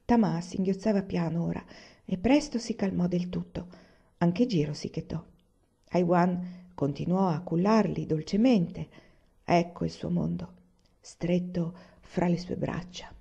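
Gravelly woman reading a novel aloud. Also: fairly low pitch, a little slow, mellow. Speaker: reader. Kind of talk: audiobook narration. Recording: dull lo-fi recording.

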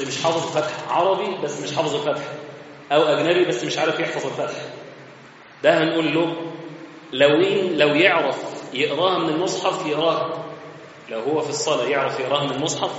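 An Egyptian man with a fairly high voice gives a conversational religious lesson and explains each point step by step. His voice carries a long reverb from a large mosque hall. The recording is slightly muffled, with faint room noise underneath. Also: a bit bright. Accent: Egyptian Arabic. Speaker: religious teacher.

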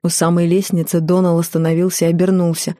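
A woman narrating a first-person audiobook in a wry, lively storytelling manner. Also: fairly low pitch, fast talker, no room sound, studio quality.

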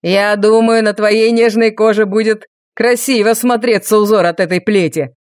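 A woman's voice: mid-range voice, fairly even intonation, normal speed, no echo, clean studio sound, close to an everyday voice. A woman voicing a cruel, mocking male viscount with a sneering, taunting manner in an audiobook. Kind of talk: audiobook character voice.

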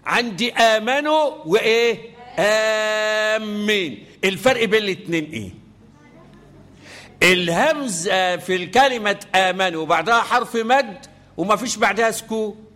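A man with an Egyptian accent leads a lesson on the rules of Quranic recitation, speaking in a fairly high voice. He drills his students with repeated call-and-response questions. Between the questions he chants the verses in a melodic style. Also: lively intonation, fairly quick, pushed and bright. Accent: Egyptian Arabic.

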